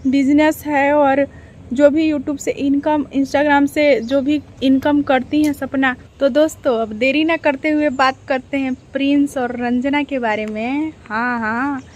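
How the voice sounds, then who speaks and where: A woman reaction vlogger, chatting casually to her viewers, full of rhetorical questions and repeated phrases. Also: high voice.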